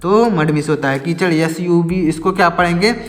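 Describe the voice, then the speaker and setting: A man's voice: on the high side, brisk, long reverb tail, soft background music. A man teaching an English lesson, asking his own questions and answering them again and again.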